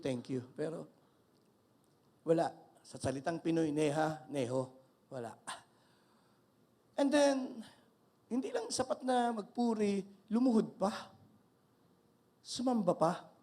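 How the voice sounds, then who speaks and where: An older male pastor preaching an animated sermon, mixing Tagalog and English and calling out to his congregation. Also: high voice, measured pace, pauses often.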